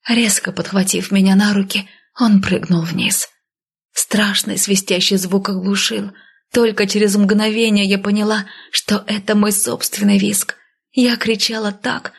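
A woman narrates a fantasy audiobook in the first person, with a husky, gravelly voice. She voices a headstrong heroine lively, slipping into whispers for tense lines. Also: medium pitch, unhurried.

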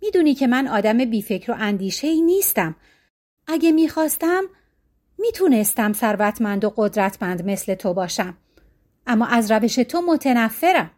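A woman reading a storybook, voicing a humble, honest male farmer who speaks calmly and firmly. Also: a little high. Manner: calm, plain, firm.

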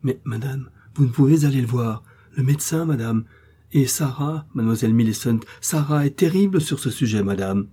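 A man's voice: medium pitch, expressive, moderate pace, dark tone, slightly rough, pitched above the performer's own voice. A man voicing a timid, easily frightened innkeeper who pleads in a fluster.

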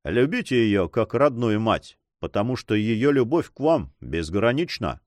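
A man voicing a stern, fatherly count in an audiobook, speaking quietly but commandingly. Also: on the low side, big pitch swings, a little slow, no echo, clean studio sound.

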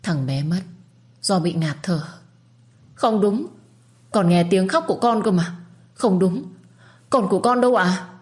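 A woman's voice: fairly low pitch, measured pace, long pauses, a little mellow, natural voice. A woman voicing a heartbroken young pregnant wife who pleads tearfully. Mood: desperate.

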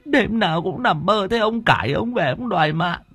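A woman's voice: medium pitch, expressive, a little fast, a bit bright, husky, dry recording, soft background music, pitched above the performer's own voice. A man voicing a guilt-ridden older woman who is crying, stammering and begging in an audiobook. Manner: stammering, wailing, pleading. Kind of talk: audiobook character voice.

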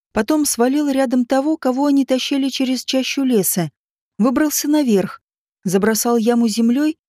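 A woman narrating an audiobook in an even, steady storytelling manner. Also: sits high, no echo, studio quality. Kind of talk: scripted narration.

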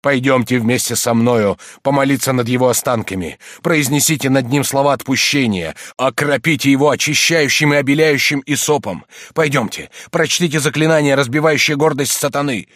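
Storybook figure: man reading as a frightened guilt-torn monk, low and pleading, dry sound. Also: a little fast, few pauses, fairly bright tone, dry recording, natural voice.

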